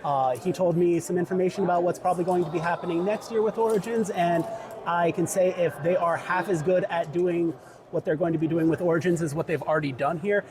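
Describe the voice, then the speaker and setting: A man's voice: high-pitched, steady tone, fairly quick. A man conducting a casual interview at a convention, chatty and friendly, with lots of fillers. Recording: noisy convention crowd behind.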